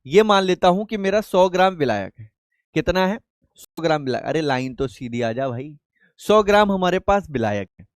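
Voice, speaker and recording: A man's voice: fairly high pitch, expressive, moderate pace, dry recording. A male chemistry teacher giving a live online class lecture. He asks questions, answers them himself, and calls the students by pet names. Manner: affectionate, calls students beta and babu.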